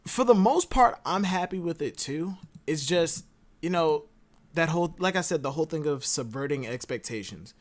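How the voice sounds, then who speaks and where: A guest on a livestreamed talk show, chatting casually about anime theories in an animated way and wandering off on side tangents. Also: mid-range voice, moderate pace. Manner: rambling and animated, full of digressions. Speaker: podcast guest.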